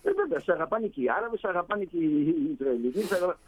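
Greek guy telling stories, higher voice, acts out the back and forth. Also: expressive, low-quality recording. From Greece. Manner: storytelling, acts out quoted dialogue. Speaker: guest, Greek living in Canada. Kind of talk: casual chat.

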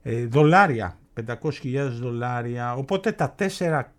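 A man co-hosting a radio show in casual banter, telling a news story slowly, with drawn-out words and dramatic pauses. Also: mid-range voice.

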